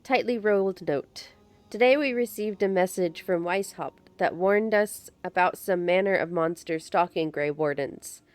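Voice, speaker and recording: A woman streaming a video game, hoarse and nasal from blocked sinuses, chatting to viewers and reading in-game notes aloud. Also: fairly low pitch, no echo. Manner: chatty, self-deprecating asides to viewers.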